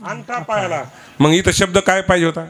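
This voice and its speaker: High-voiced Marathwada preacher teasing a crowd. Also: male voice, a little fast, a bit bright. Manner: teasing, questioning the crowd, prodding women to answer. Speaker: kirtan preacher. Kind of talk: devotional kirtan sermon with audience questions. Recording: live event with instrument music behind. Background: musical instruments.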